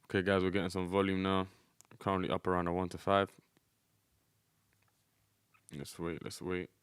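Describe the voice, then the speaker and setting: A man's voice: low-pitched, little pitch movement, normal speed, smooth, no echo, clean studio sound. A man giving casual, slangy live trading commentary as a streamer, talking directly to his viewers. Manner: slangy, addressing viewers as guys. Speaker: day trading streamer and teacher.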